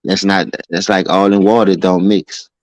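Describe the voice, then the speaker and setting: Profane, low-voiced man. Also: flat delivery, normal speed, no room sound, rough recording. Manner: loose, profane storytelling. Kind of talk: casual podcast chat.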